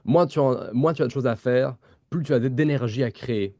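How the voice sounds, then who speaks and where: A man's voice: mid-range voice, a little fast, dark tone, no room sound, clean studio sound. A man with a Québécois accent co-hosting a podcast, explaining ideas in casual chat with frequent fillers and restarted words. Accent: Québécois French. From Quebec. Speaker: podcast co-host.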